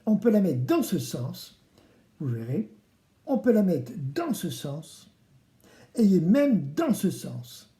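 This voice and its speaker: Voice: mid-range voice, big pitch swings, takes it slowly, pauses often, mellow. A person presenting a craft tutorial for children, speaking French directly to the kids in a playful, theatrical way and prompting them to respond. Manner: playful, theatrical, exclamatory, asks the children to answer. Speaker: presenter of a children's DIY video series. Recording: roomy, echoing indoor sound.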